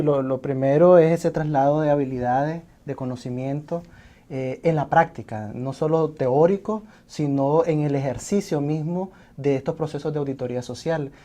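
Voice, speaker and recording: A man speaks as a guest on a television interview. His voice is mellow and dark. He explains thoughtfully, stumbling and repeating small words as he builds his points. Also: fairly high pitch. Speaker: civil society organization representative.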